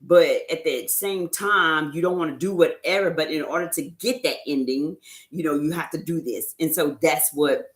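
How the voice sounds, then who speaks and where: A woman with a low voice at normal speed gives an informal faith talk as an inspirational speaker. She speaks conversationally and emphatically, often adding "you know" asides, and the recording has a roomy echo.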